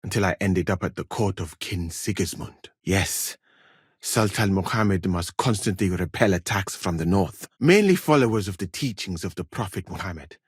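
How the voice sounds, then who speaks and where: An actor playing a learned, proud Malian court physician in a medieval video game, speaking in a formal, courteous, dignified way. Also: male voice, low voice, lively intonation, normal speed, husky, no echo, clean studio sound, heavily acted. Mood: explaining, dignified. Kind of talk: video game character dialogue.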